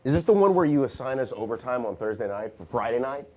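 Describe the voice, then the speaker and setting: Man as a sardonic office guy, animated pitch. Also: fast talker, natural voice. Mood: sarcastic. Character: bewildered, sarcastic slacker office worker, grieving his friend. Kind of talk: comedic audio-drama dialogue.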